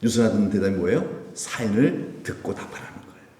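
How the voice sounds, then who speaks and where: A man's voice: on the low side, lively intonation, a little fast, mellow. A man preaching a conversational sermon as pastor, asking the congregation questions and answering them himself. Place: church sanctuary. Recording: echoey church hall, mic at a distance.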